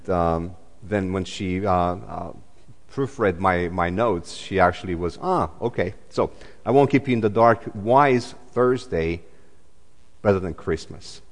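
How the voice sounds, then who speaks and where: A man's voice: low-pitched, in a large hall. A man, preaching a sermon in a chatty way, full of fillers and restarts. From Romania. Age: 40s. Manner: conversational, many fillers and restarts. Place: church.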